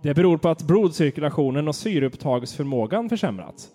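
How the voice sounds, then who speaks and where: A man's voice: a little high, expressive, warm tone, soft background music. A man co-hosting a casual chat podcast, reading grim facts aloud in a playful, laughing way. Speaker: podcast host.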